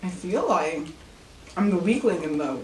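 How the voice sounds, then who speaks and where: A woman's voice: lowish voice, lively intonation, a little slow, darkish tone, a little hiss or hum. A woman vlogger chatting casually and teasing her partner during an eating challenge. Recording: echoey room, mic at a distance.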